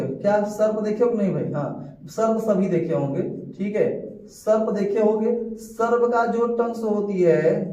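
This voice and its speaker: This classroom lecture features a man with a high, slightly mellow voice who keeps repeating key terms and posing rhetorical questions to students. The sound is lo-fi, echoey, distant and dull.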